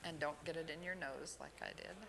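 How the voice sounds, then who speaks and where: A woman from Oregon giving an unhurried step-by-step fly tying demonstration at an expo. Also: low voice, fairly even intonation, vocal fry, noisy background. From Oregon, USA. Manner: unhurried, plain instructional talk with pauses. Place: expo hall.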